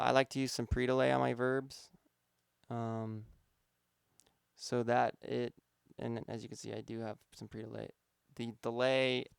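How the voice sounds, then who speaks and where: A man's voice: medium pitch, creaky, clean tone, no room sound, clean studio sound. A man, a music producer, casually walking through his vocal mixing steps, thinking aloud with some fillers. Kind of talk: casual instructional walkthrough.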